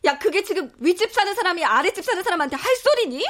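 An actress in her thirties playing a blunt, quick-tempered pregnant wife. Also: very high-pitched, big pitch swings, fairly bright tone, heavily acted. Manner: blunt and exasperated.

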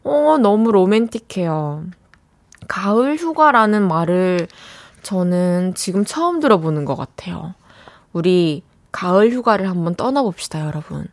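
Her lowish voice is expressive and unhurried as this young woman hosts a radio show. She reads listeners' messages and talks them over with warmth, captured on a studio mic with no room sound.

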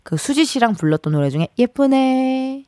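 Animated woman radio host. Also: high voice, moderate pace, no room sound, clean studio sound. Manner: animated, playful, laughs often. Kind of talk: casual radio chat with a caller.

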